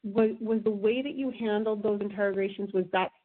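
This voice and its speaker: A woman conducting a casual phone interview, rambling through halting questions on a narrow phone line. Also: medium pitch, fairly even intonation.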